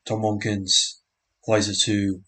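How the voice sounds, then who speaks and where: A young man commentates casually on a live match stream, frequently unsure of players' names, correcting himself, restarting and using fillers. His voice is low-ish and fairly bright, with a level tone and slow pace.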